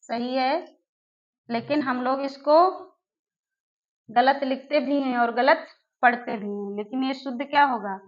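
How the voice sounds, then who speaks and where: A Hindi teacher with a high-pitched, steady voice leads an exam-prep spelling lesson, posing questions to her class, answering them herself, and repeating each word slowly. The audio is dull.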